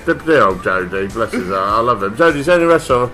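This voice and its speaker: A man's voice: medium pitch, animated, fast, music in the background. A man hosting a podcast, talking in a rambling, sweary way and laughing often. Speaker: podcast host. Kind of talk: casual banter.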